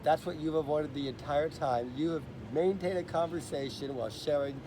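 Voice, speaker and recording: A man's voice: fairly high pitch, moderate pace. Intense probing man outdoors, street noise. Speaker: vlogger interviewing a stranger. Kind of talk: casual outdoor conversation. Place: outdoors in a park by traffic. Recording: loud outdoor noise, traffic nearby.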